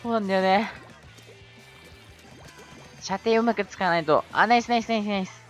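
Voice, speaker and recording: A man giving live commentary over his own gameplay, excitable, yelling at tense moments and adding self-mocking asides. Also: high voice, a little fast, faint music behind.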